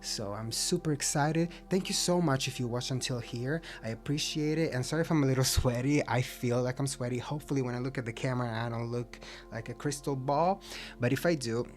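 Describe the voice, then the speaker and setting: Speaking openly to his camera in a casual vlog, a man sounds reflective and encouraging toward himself, now and then stuttering and restarting. His mid-range voice is brisk, with soft music playing in the background.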